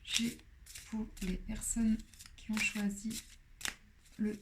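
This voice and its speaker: A woman giving a casual tarot card reading. She talks in a chatty, playful way and often drops into soft whispered asides. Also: mid-range voice, measured pace, background noise.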